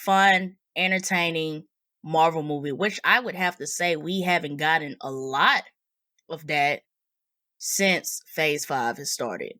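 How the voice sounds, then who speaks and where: A woman's voice: low voice, slow pace, pushed and bright, dry recording, studio quality. A woman hosting a review podcast, talking in an informal, slangy, conversational way. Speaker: podcast host. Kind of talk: casual movie review podcast.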